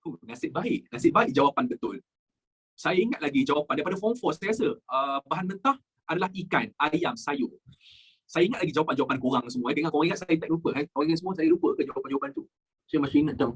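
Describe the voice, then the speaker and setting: Speaking with a Malaysian accent, this woman teaches history and works through practice exam questions, firing lively questions at her students with English words sprinkled in. She talks fast in a low, husky voice.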